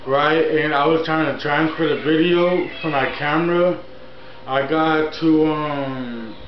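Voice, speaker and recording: A man in his early twenties telling a personal story in a casual, rambling vlog style, often repeating himself. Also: a little high. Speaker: YouTuber, channel host. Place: indoor room at home, TV on. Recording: echoey room, dull sound, faint noise.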